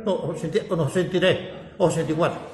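A man preaching a sermon, asking rhetorical questions and swinging between loud and soft. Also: on the high side, steady tone, fast talker, reverberant.

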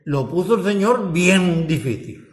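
Animated, high-voiced male preacher, echoey room. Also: a little slow. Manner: animated, rhetorical questions, swings loud and soft. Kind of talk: sermon.

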